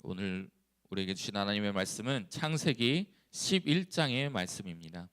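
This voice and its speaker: A man who is a church evangelist, leading a responsive scripture reading and then preaching calmly with frequent hesitations. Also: lowish voice. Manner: calm, unhurried, with frequent hesitations.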